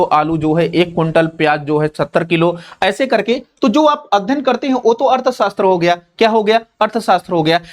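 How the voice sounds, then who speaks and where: High-voiced man teaching an exam-prep lesson. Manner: repeats key points as quick questions to the students; calls students "babu" and checks in with "theek hai na?".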